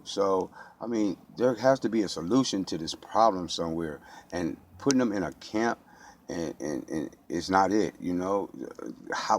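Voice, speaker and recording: A local American man speaks out off the cuff in an impassioned monologue, blunt and streetwise, full of slang and heavy swearing. His voice is on the low side, and a little hiss or hum can be heard.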